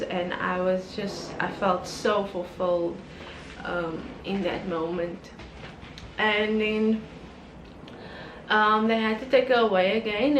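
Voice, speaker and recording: A woman from South Africa telling a personal story on her vlog, candid and emotional, with lots of ums and likes. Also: mid-range voice. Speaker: YouTuber. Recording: roomy echo with faint background noise.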